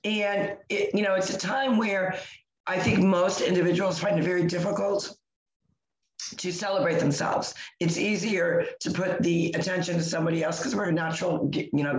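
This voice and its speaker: A hoarse woman who has nearly lost her voice, chatting casually and encouragingly as co-host of a morning livestream. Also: fairly low pitch, steady tone, moderate pace. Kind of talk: casual motivational chat. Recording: echoey room.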